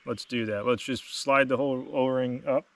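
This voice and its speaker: A man's voice: mid-range voice, fairly even intonation, normal speed. Man, casual product demo, plain-spoken, instructional, distant from the microphone. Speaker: host demonstrating duck calls.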